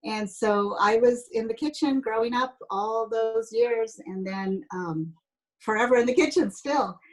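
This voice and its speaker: A fifties-aged woman from San Jose, United States, an educator and former pastry chef, talks as an interview guest, chatty and explanatory as she casually shares personal stories. Her voice sits on the high side and moves a little slowly, and the recording quality is low.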